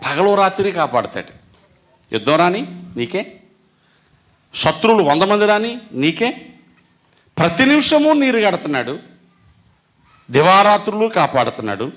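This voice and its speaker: A man with a Telugu accent preaching a sermon as pastor, asking the congregation questions and moving between loud emphatic lines and soft low ones. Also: big pitch swings, normal speed, pauses often.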